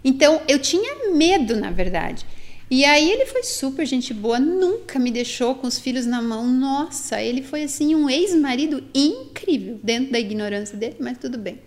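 A Brazilian woman in her forties with a high, bright-sitting voice speaks as an interview guest. She tells her own story frankly and animatedly, slipping into other people's voices when she quotes them. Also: very animated, moderate pace. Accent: Brazilian Portuguese. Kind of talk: candid personal storytelling.

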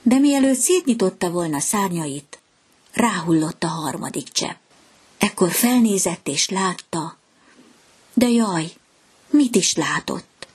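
A woman reading a fairy tale aloud in a gentle, measured storytelling voice. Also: fairly low pitch, expressive, husky.

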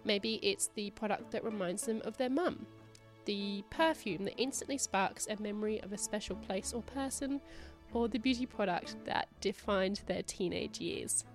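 A woman's voice: mid-range voice, moderate pace, few pauses, soft background music. A woman hosting a podcast, reading a scripted intro and asking interview questions, her voice nasal from a cold. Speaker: podcast host.

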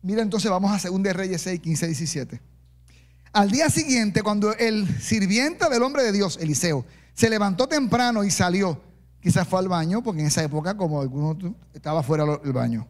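High-voiced man preaching with playful asides. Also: moderate pace. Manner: animated preaching, acting out quoted voices with humorous asides. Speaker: pastor. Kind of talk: sermon.

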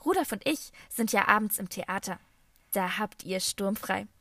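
A woman reading an audiobook, voicing a cheerful, bubbly woman in a high, sing-song, gushing voice. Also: animated, moderate pace, sharp tone, no echo. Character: cheerful bubbly woman, the narrator's aunt-like host.

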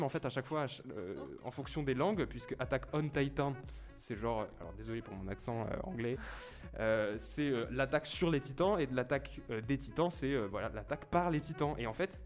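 A man hosting a casual quiz among friends, explaining answers at length with mock-formal asides. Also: medium pitch. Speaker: quiz host.

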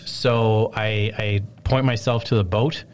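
A man telling a long personal story in casual chat, rambling and animated, full of fillers. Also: lowish voice, takes it slowly, slight background noise.

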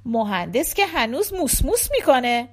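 A woman reading a playful woman tailor in a storybook recording, gossipy and teasing, her voice sits a bit high and pushes louder than the narration around it. the reader keeps it close to her own voice. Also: sing-song. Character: chatty teasing woman tailor, middle-aged.

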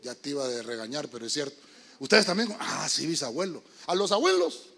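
Pastor guy, high gravelly voice all over the place, long church echo. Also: very animated, a little fast, bright, forceful tone. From Honduras. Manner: emphatic preacher, keeps addressing listeners as brother, quizzes the congregation. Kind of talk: youth sermon. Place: church sanctuary. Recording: long reverb of a church hall.

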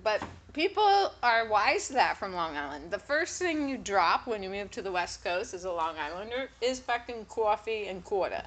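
A woman's voice: medium pitch, sing-song, normal speed, hardly any pauses, a bit bright. Casual woman co-host, rambling and swearing. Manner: loose storytelling, frequent ums, casual swearing. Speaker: podcast co-host. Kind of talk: casual chat.

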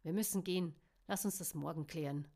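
A woman's voice: mid-range voice, fairly even intonation, fairly quick, darkish tone, lightly acted. A woman voicing a level-headed werewolf man who speaks in a grumbling way.

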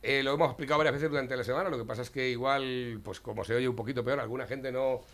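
A radio host with a bright, forceful voice reads out listener messages in an easygoing way. He jokes along and chuckles at his own lines. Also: medium pitch, steady tone, fast. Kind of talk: radio chat show hosting.

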